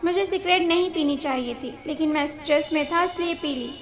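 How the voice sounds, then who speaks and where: A woman's voice: sits high, brisk, lightly acted. Woman doing a boyish, teasing young lover. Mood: tender. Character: young man, lover, playful and sulky. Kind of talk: storybook narration.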